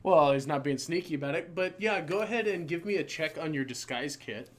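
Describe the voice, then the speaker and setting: A male game master with a voice pitched a little high for a man. He talks excitably, swears freely and trips over his own words as he narrates a tabletop session. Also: fairly quick.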